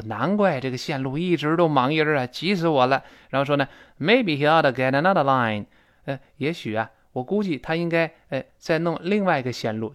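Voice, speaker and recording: A man teaching a spoken English lesson. He breaks words apart and repeats them slowly, with chatty asides along the way. His pitch sits in the middle range for a man. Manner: chatty, with little asides and soft laughs.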